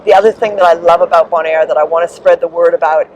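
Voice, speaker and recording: A woman's voice: lowish voice, fairly even intonation, fast, muffled recording, slight background noise. Middle-aged woman from new zealand, chatty and upbeat, being interviewed, gushing a bit. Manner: enthusiastic, upbeat, warm promotional tone. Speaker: land sailing business coordinator, guest. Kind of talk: interview answers.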